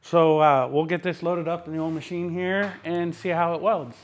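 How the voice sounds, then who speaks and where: In his home workshop, a welder and mechanic chats in an easygoing, folksy way while welding and explaining his steps for a casual how-to vlog. His voice is a little high, with fairly even intonation and a moderate pace.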